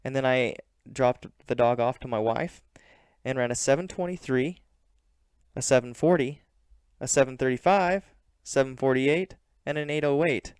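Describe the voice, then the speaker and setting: Clear-voiced man narrating a training vlog. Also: mid-range voice, normal speed, dry recording, clean studio sound. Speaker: running vlogger.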